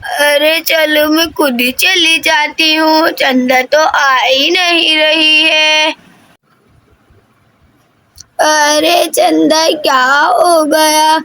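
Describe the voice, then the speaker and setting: Figure: a woman doing a slow old grandmother. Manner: drawn-out, worried. Pitch: high. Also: steady tone, pushed and bright, exaggerated voice. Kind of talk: doll story character voice.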